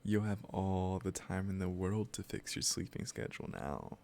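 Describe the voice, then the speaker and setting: Here a male actor takes the role of a possessive kidnapper in love, addressing the listener in a roleplay audio drama. His low, gravelly voice has lively intonation and stays calm, gentle and coaxing, slow and hesitant, soft-spoken yet possessively sweet. Slight background noise can be heard.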